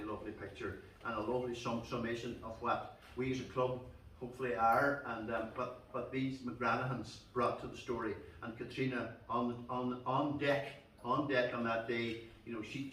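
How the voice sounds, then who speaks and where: A man's voice: mid-range voice, a bit bright. A man giving an emotional tribute speech at a club reception, effusive and full of repeated words. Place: function room at a club reception. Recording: echoey room, distant mic, faint noise.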